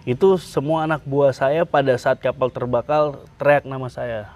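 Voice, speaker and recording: An interview guest, a man speaking at an ordinary middle pitch. He tells his story earnestly. He pauses often and fills the gaps with hesitant sounds. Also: steady tone, darkish tone. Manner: earnest, hesitant with many "eh" fillers. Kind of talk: interview, personal account.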